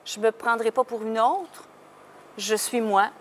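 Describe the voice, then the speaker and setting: A woman's voice: on the high side, measured pace, fairly bright tone. Québécois woman singer chatting in an interview, frank, laughs a lot, slight noise behind. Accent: Québécois French. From Quebec. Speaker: singer guest. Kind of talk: casual interview.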